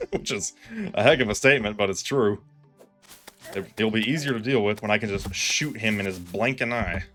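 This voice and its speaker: A man giving live commentary over his own gameplay, excitable and self-deprecating, pleading with the game when things go wrong. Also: on the low side, brisk, faint music behind. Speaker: gaming streamer.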